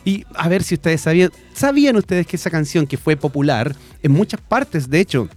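A man's voice: on the high side, expressive, a little fast, darkish tone, faint music behind. Chatty man co-hosting radio. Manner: switches between Spanish and English, teacherly and chatty. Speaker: radio show co-host. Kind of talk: bilingual casual radio chat.

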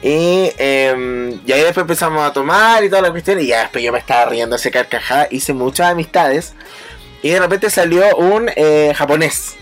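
Chatty young Chilean man, highish voice. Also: normal speed, soft background music. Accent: Chilean Spanish. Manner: animated storytelling, mimics voices and laughs often. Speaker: podcast host. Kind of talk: casual chat.

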